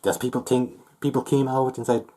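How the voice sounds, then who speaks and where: A man's voice: medium pitch, level tone, mellow. A man ranting angrily in an opinion video, swearing often and stumbling over fillers. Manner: angry, profane, halting with many fillers. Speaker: YouTube commentator.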